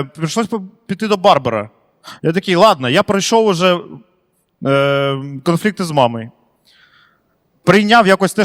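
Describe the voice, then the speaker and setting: A man's voice: high voice, long reverb tail. A male stand-up comedian doing crowd work in a comedy club, chatty and slangy, swearing freely.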